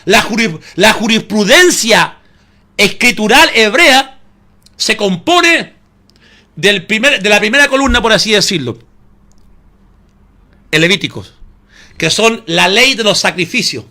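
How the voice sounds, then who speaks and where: Male pastor, sermon, very bright tone, animated pitch, emphatic, rhetorical questions. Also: measured pace, long pauses. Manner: emphatic preaching, calls listeners "hermano" often; asks the audience rhetorical questions.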